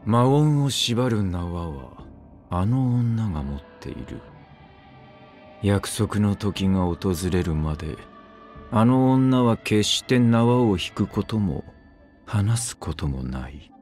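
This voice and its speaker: With faint music behind him, a man acts out a grim, weary immortal swordsman for a game. His darkish voice is animated but takes its time, coming out low and curt in clipped, terse phrases.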